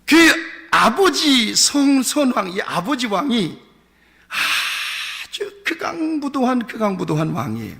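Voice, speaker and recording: A male pastor preaching with a bright, high, lively voice that swoops through wide pitch. He calls his congregation to repeat after him. A long church reverb hangs behind every phrase. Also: unhurried, gravelly. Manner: animated, leads congregation in call-and-response. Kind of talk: sermon. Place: church sanctuary.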